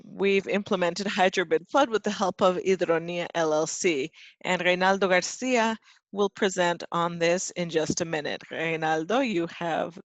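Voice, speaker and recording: Simultaneous translation voice-over, webinar interpreter, halting with restarts, dry sound. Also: mid-range voice, fairly even intonation, dry recording. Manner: halting, self-correcting delivery. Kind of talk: live translation of a webinar presenter.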